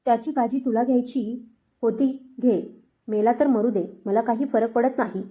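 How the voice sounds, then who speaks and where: A cold-hearted older mother-in-law in a told story, cutting and scornful in every word, as a woman narrator puts her on. The voice sits a little high, with a soft, mellow tone. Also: fairly even intonation, moderate pace, close to an everyday voice. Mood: cold contempt.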